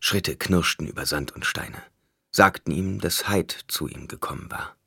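A man narrating an audiobook in a measured, solemn reading. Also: low voice, creaky, sharp tone, husky, no room sound, clean studio sound. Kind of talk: scripted narration.

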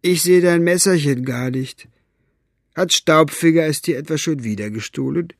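A man's voice: on the high side, normal speed, no echo, studio quality, pitched above the performer's own voice, lightly acted. A man voicing a coarse, smug male henchman who mocks and gloats. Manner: gloating, sneering, grunting.

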